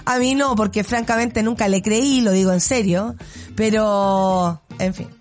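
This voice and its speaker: A woman's voice: medium pitch, fairly even intonation, a little slow, a little mellow, faint music behind. A woman with a Chilean accent hosting a radio show, giving blunt, sarcastic commentary and laughing often. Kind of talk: casual opinionated radio commentary.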